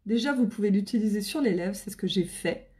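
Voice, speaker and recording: A woman's voice: mid-range voice, brisk, a little mellow. A woman with a French accent, chatting on a live stream as she presents makeup, bubbly, with casual slang and greetings to viewers by name. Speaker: independent makeup seller. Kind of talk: live stream sales chat.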